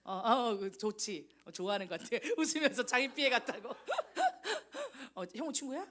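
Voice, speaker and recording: Lady missionary preaching to youth, high bright voice, swoops all over, jokes w the crowd. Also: moderate pace. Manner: animated storytelling, teasing listeners by name. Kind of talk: lively sermon to young people.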